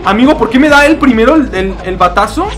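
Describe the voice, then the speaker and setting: A young man with a Mexican accent giving excitable, jokey commentary while he plays a fighting game. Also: extremely high pitch, fast, faint music behind. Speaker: gaming YouTuber. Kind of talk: gameplay commentary.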